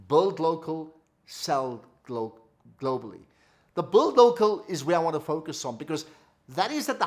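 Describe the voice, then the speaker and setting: A man giving a motivational masterclass. He repeats key phrases for emphasis and asks rhetorical questions. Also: a little high. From South Africa. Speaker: company founder giving a masterclass.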